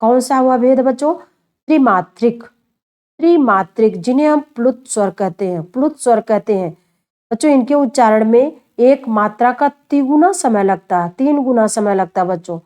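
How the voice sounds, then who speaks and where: A woman teacher gives a grammar lesson in a mellow, warm voice that sits a little high. She keeps asking her class a question and then answers it herself, and she often calls them children. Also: lively intonation, normal speed. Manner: addresses listeners as children often. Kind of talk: online Hindi grammar lesson.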